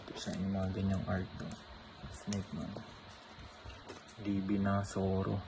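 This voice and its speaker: Deep gravelly man chatting over noise. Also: monotone, a little slow. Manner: chatty, tags many sentences with "no?". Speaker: trading card vlogger. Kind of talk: casual card showcase. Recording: clear background noise.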